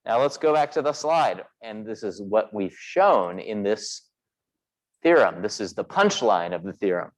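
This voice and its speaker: With a lowish, expressive voice and a measured pace, a male physics instructor lectures during a recorded class meeting. He lays out each step in turn and questions the students along the way.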